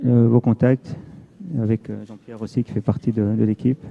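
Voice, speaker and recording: A man's voice: fairly low pitch, level tone, moderate pace, creaky. Muffled recording of a man presenting. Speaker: amateur radio volunteer presenter. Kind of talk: informal technical presentation. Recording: dull, muffled lo-fi sound.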